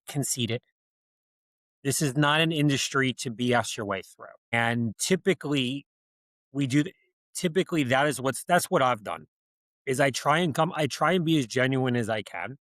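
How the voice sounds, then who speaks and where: A man's voice: medium pitch, normal speed, fairly bright tone, no echo, low-quality recording. A man with a New Jersey accent, a podcast guest who founded an accounting firm, talking in a plainspoken, direct way. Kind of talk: casual interview chat.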